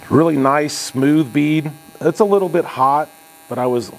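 A man's voice: medium pitch, a little mellow, slight background noise. A man in his thirties, a welding instructor, talking casually through a demonstration in an indoor welding shop, loose and conversational, with frequent fillers.

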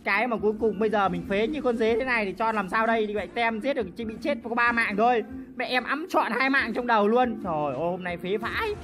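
A woman gives lively live commentary while playing a mobile game, swinging between loud outbursts and low muttering and swearing in a playful way. She talks fast with few pauses, and game music plays in the background.

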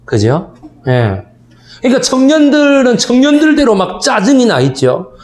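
A man's voice: extremely high pitch, moderate pace. A man in his thirties giving a history lecture to seniors. He tells stories and keeps asking the audience for agreement. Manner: animated storytelling, asks the audience for agreement. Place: lecture hall. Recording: echoey hall.

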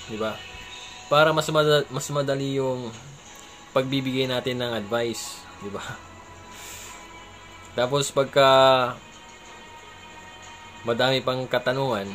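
A man chatting casually in an ordinary mid-range voice as he gives advice, often tagging his points with a question for agreement and a small chuckle. Soft music plays faintly behind him. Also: mid-range voice. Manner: conversational, keeps asking "di ba?" for agreement; chuckles between remarks. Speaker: vlogger giving advice. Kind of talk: casual chat.

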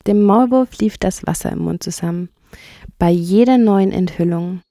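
A woman calmly narrating a children's bedtime story. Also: lowish voice, moderate pace, no room sound, studio quality. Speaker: audiobook narrator.

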